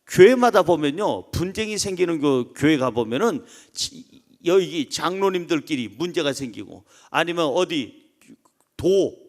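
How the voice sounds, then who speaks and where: A male pastor preaching with a high, lively voice. He jokes with the congregation and leads them in reading aloud. His delivery swings between loud calls and soft asides. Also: moderate pace. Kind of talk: sermon.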